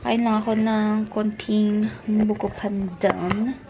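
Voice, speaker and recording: Slow-talking woman in her thirties. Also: mid-range voice, little pitch movement, dull audio, background noise. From Philippines. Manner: chatty, mixes English into her talk, coos gently to her child. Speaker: family vlogger, mother. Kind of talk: casual vlog chat.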